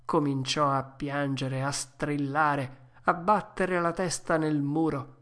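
A woman narrating a classic children's story in a measured, expressive way. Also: deep voice. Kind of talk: storybook reading.

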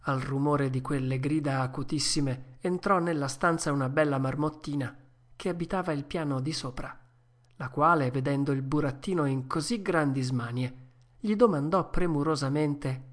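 A woman narrating a classic children's story in a measured, expressive way. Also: deep voice. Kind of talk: storybook reading.

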